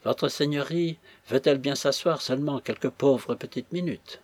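A man voicing a scheming old woman who fawns and wheedles, in a shrill, husky voice. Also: moderate pace, no room sound, close to an everyday voice. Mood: fawning. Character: scheming cackling old woman, fawning and sly.

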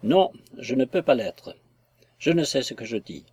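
A man's voice: medium pitch, sing-song, measured pace, darkish tone, slightly rough, no echo. A fervent, anxious young suitor pleading his love, dry close sound, read by a man.

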